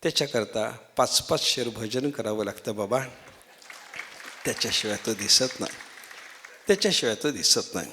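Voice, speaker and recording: A man voicing a pious, deaf old village man who speaks low and unhurried while retelling a story in a sermon. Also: animated, bright, forceful tone, a faint crowd. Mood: quietly certain.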